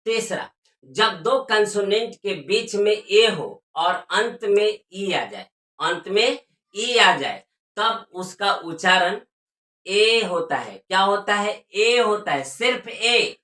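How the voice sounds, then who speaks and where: Slow, bright-voiced woman teaching. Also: mid-range voice, animated. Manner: spells out letters and repeats words slowly for learners. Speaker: English teacher. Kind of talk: spoken language lesson. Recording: echoey room.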